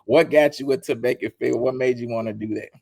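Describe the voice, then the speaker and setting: Male host, gravelly voice, dry close sound, hypes up his guest. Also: medium pitch, steady tone, fast, a little mellow, no echo. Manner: upbeat, hype introductions. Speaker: interview host. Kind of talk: casual interview hosting.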